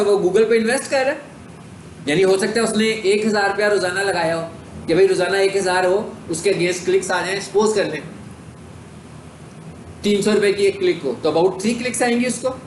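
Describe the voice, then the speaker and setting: Teaching digital marketing in a classroom, a man with a Pakistani accent works through each point in turn, posing questions and answering them himself. His voice is fairly high for a man, and the echoey room carries a faint underlying hiss.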